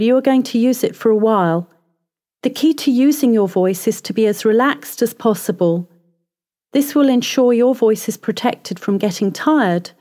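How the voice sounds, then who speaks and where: Calm, slow-speaking woman voice coach. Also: on the high side. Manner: calm, measured, instructive. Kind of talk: scripted instructional narration.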